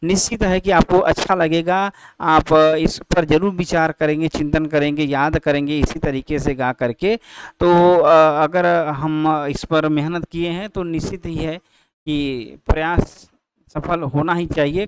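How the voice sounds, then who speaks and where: A man teaching Sanskrit pronunciation in a slow, patient way, often checking with his students as he explains. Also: fairly high pitch, steady tone, smooth, dry recording. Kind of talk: explaining, then singing sutras to a film tune.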